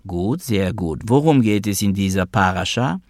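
A man voicing a calm questioning rabbi. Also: lowish voice, normal speed, no echo, studio quality. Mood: teaching. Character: older male rabbi, calm teacher. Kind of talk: audiobook reading.

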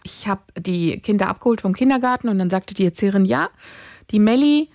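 A woman's voice: mid-range voice, a little fast. A woman in her thirties talks casually, bringing her stories to life by acting out what her children said. Her voice sits in a middle range. She is recorded close up in a dry room with no echo. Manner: animated, acts out quotes of her children. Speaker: podcast co-host, mother. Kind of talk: casual chat, storytelling.

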